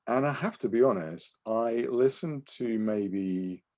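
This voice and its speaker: Co-hosting a podcast, this man shares anecdotes in a relaxed way while frequently backtracking with hesitant apologies. He speaks a little slowly in a low, darkish voice.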